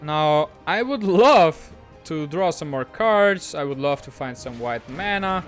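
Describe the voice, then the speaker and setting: This is a man with a notably high voice giving gameplay commentary. He talks quickly and excitably and pokes fun at himself. Faint background music plays beneath him. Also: smooth. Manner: excitable, quick, self-mocking. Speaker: gaming channel host.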